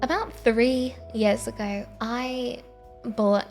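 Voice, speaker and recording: A woman streamer chatting casually in a sleepy, soft, meandering way. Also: a little high, steady tone, slow pace. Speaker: live streamer. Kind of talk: casual rambling livestream chat. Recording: soft background music. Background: quiet background music.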